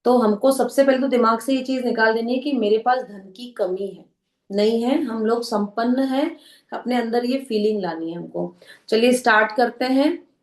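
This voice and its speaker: High-voiced woman teaching in an echoey room. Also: normal speed. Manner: explains patiently, often checks in with "right?"; mixes English words into Hindi. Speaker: self-help course leader. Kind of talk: live teaching session.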